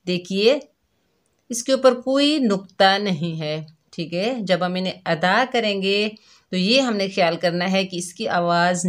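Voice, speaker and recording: A woman teaching young children to read Arabic letters, speaking gently and patiently and repeating each letter slowly. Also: fairly low pitch. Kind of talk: slow children's lesson.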